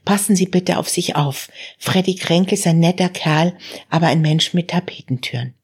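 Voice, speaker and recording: A woman voicing an older male baron who mentors a young woman, speaking in a fatherly, gently warning manner. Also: on the low side, normal speed, slightly rough.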